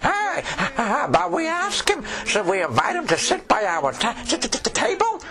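A man voicing a high, giggly, stammering tavern patron in a storybook tale. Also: huge pitch swings, moderate pace, full character voice. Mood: eager.

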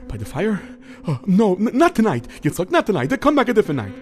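Man playing an excitable, high-voiced, self-important pious man. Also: fast. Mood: brusque, impatient. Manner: theatrical, hesitant muttering and exclaiming.

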